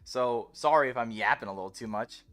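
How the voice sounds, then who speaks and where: A man's voice: medium pitch, a little fast, fairly bright tone. A man chatting casually as a livestreamer, rambling on and on like a self-described yapper, with music behind him.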